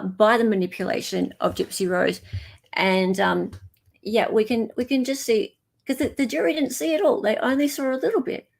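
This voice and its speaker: A medium-pitched, creaky voice belongs to an Australian woman hosting a livestream. She's chatty and informal with her viewers, breaking off to greet them mid-talk.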